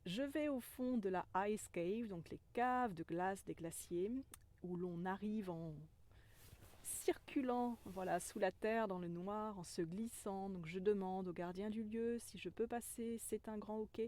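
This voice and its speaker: A woman who works as a spiritual guide tells a personal story in a gentle, earnest manner. Her voice is warm and mellow, pitched in an ordinary middle range. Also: a little slow. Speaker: spiritual guide, self-described medicine woman.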